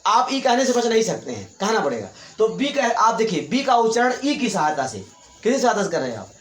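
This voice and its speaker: A man's voice: high voice, sing-song, fairly quick, soft background music. A man teaching English grammar to a class, repeating points and quizzing his students. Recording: echoey room, faint hiss.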